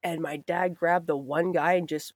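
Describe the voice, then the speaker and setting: A woman's voice: fairly low pitch, normal speed, no echo. Girl swearing thru a wild story, dry close sound, laughs a lot. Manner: profane, laughing, animated anecdotes. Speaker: podcast host. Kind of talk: casual storytelling chat.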